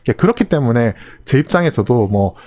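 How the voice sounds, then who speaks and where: Fast-talking man answering viewer questions. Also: medium pitch, very animated, a little mellow. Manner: rambling, restarts phrases, speaks to viewers politely. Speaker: investing channel host. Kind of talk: live stream Q&A answer.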